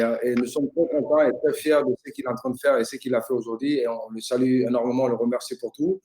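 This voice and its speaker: Middle-aged male university representative, relaxed dark timbre, repetitive impromptu webinar thanks. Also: medium pitch. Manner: repetitive, halting phrasing. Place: online video call.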